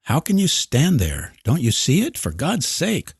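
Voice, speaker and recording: A man's voice: medium pitch, sing-song, measured pace, mellow, husky, no echo, studio quality, voice pushed up, full character voice. A man voicing an alarmed small-town man who speaks in an agitated, pleading way, in an audiobook. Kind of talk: audiobook character voice.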